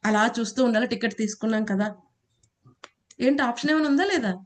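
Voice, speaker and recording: Brief: woman scripture teacher, fairly high voice, chatty lecture style, questions the class. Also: brisk. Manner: conversational, asks the class questions, laughs, acts out quotes. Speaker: Gita teacher.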